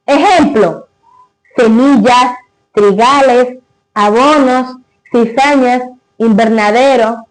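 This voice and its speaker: A woman giving scripted educational narration, explaining didactically in short, deliberate phrases. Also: high voice, low-quality recording. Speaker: literature explainer.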